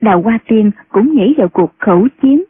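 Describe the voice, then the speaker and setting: A woman narrating a martial-arts novel as an audiobook in a steady storytelling manner. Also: medium pitch, a little fast, breathy edge. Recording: tinny phone-like sound.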